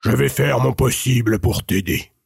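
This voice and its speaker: A man's voice: medium pitch, moderate pace, creaky, breathy edge, dry recording, studio quality, full character voice. A man voicing a huge, vain male ogre in a storybook, talking in a boastful, commanding way.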